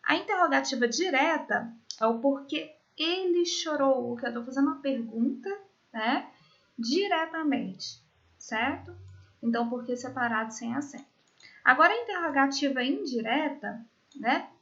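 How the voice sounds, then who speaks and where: A woman's voice: high voice, lively intonation, moderate pace, fairly bright tone, highs cut off. A woman teaching a grammar lesson online, explaining step by step and often checking understanding with short questions. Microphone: computer mic in a virtual classroom.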